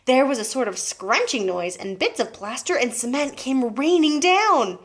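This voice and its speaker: Animated woman reading aloud to a class. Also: sits high, normal speed. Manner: animated, pointing out the pictures. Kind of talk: reading a children's book aloud.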